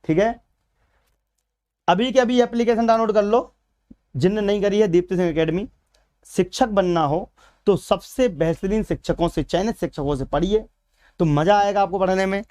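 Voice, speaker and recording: Chatty high-voiced Hindi coaching teacher. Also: male voice, moderate pace, long pauses, a little mellow. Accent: Hindi from Madhya Pradesh. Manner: chatty, addresses viewers as beta and bhaiya. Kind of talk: live exam-prep class.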